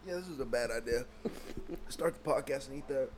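A man's voice: medium pitch, a little fast. A man co-hosting a casual podcast, blunt and dry in his remarks. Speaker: podcast co-host. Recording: background noise.

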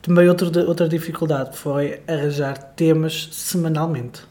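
A man's voice: on the high side, steady tone, normal speed, dark tone. A man with a European Portuguese accent chatting casually as a podcast co-host. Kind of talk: casual chat. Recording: echoey room.

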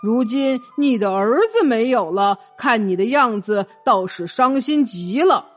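Lady putting on a lower stern scholar guy, lecturing his friend slowly in a kids' story. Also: soft background music. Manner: serious, admonishing. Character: stern earnest ancient male scholar friend. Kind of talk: children's story acting.

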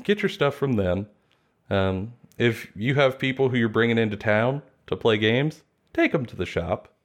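A man co-hosts a casual podcast. He talks in a loose, rambling way, cracking jokes as he goes. His voice sits at a medium pitch. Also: moderate pace. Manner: relaxed, rambling, jokey. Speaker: podcast co-host.

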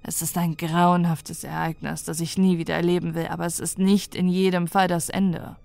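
A calm young man, as a woman narrator voices him, speaks gently and reassuringly in a soft, low voice. The recording is dry and close, with faint music beneath. He sounds steady and kind. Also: normal speed, creaky, no room sound. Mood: consoling.

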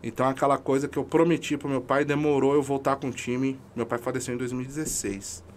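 A man's voice: mid-range voice, little pitch movement, quick pace, slight background noise. A man, a podcast guest talking casually in an emotional, slangy, emphatic way about his amateur football club. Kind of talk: casual chat.

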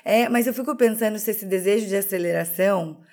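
A woman co-hosts a podcast in relaxed, casual chat. She speaks candidly and pokes fun at herself. Her sentences often break off and restart. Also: medium pitch, brisk. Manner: chatty, candid, self-deprecating, many restarts. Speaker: podcast co-host.

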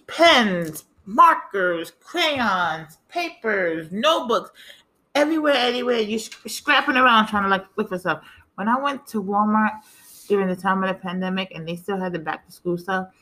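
Bright-voiced Bronx woman chatting. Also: medium pitch, normal speed. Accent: New York with a Spanish accent. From the Bronx, New York. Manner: animated storytelling with lively asides. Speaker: podcast co-host. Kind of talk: casual chat.

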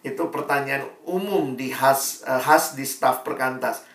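A man in his forties preaching lively and conversationally, telling anecdotes to students. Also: mid-range voice, measured pace. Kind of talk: sermon-style talk to students. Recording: roomy echo, voice from far off.

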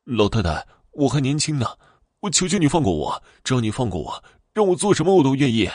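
A man voicing a frightened young man, pleading in quick, strained bursts. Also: fairly low pitch, lively intonation, no room sound, studio quality.

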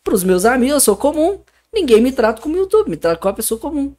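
A man's voice: extremely high pitch, fast talker. A man, a guest on a podcast, telling stories in casual talk and acting out the other people's lines. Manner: animated storyteller, acts out dialogue.

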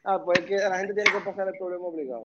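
A man's voice: high voice, steady tone, rapid-fire, dull audio, a loud crowd. A young man with a Dominican accent in casual, slangy banter, teasing his friends and cutting in.

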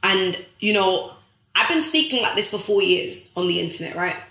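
A woman from the United Kingdom speaks to her online followers in a preachy, rallying way, hammering home the same phrases again and again. Her voice is bright and forceful. The room around her rings with plenty of echo. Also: medium pitch, normal speed. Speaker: livestream host and author. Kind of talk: motivational livestream talk. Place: bedroom at home.

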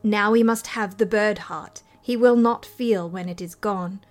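A woman's voice: mid-range voice, unhurried, soft background music, close to an everyday voice. Woman reading as a greedy old witch. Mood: scheming. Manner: commanding, threatening.

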